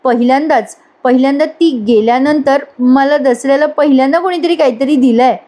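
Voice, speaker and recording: A woman's voice: high-pitched, a little fast, mellow, lightly acted. A woman reading the lines of a shy, humble young woman who speaks hesitantly and politely. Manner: hesitant, polite, stumbling with fillers.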